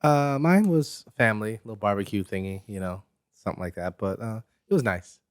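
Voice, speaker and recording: Man, fairly low voice, hesitant, halting, casual chat, dry sound. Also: smooth, no room sound.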